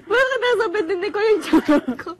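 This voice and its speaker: A woman's voice: very high-pitched, animated, fast talker. A young woman vlogger in casual gossip chat, giggling and retelling stories with animation.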